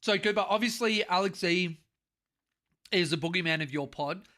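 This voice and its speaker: An Australian man hosts a relaxed gaming podcast, talking in a bright, forceful voice that sits a little high for a man. He is animated and drops casual swearing as he chats over a call. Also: normal speed. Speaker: podcast host.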